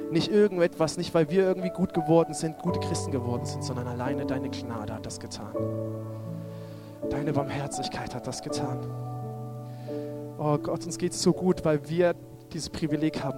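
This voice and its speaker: A man preaching a sermon and then leading a fervent spoken prayer, often repeating short calls to Jesus. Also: a little high.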